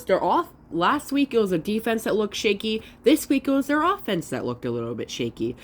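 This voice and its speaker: A woman with a low, deep voice and a stuffy, congested sound from allergies. She talks in a loose, chatty way, joking at her own expense and restarting sentences as she goes. A faint hum of room ambience sits behind her. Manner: chatty, self-deprecating, restarts often. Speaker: sports prediction vlogger. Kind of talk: casual solo commentary.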